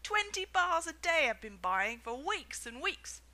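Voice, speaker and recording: A woman voicing a large, jealous boy who shouts angrily in a storybook reading. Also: high-pitched, sing-song, measured pace, voice pushed up, full character voice. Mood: angry.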